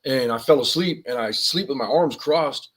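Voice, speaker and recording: A man with a husky, slightly breathy voice co-hosts a live podcast in a loose, conversational way. He rambles through stories full of slang and laughter. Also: mid-range voice, moderate pace. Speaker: podcast co-host. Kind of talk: casual live-stream chat.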